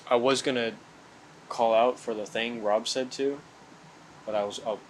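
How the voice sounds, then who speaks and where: A man's voice: medium pitch, fairly even intonation, moderate pace. Casual young man, noisy room. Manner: casual, slangy. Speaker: paranormal investigator. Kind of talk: casual ghost-hunting vlog, calling out to spirits. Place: indoors in a large old house.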